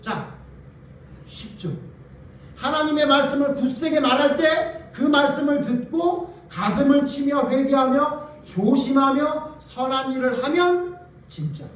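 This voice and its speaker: High-voiced pastor preaching in an echoey hall. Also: male voice, measured pace, distant mic, slight background noise. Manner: emphatic, fires rhetorical questions at the congregation. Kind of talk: sermon.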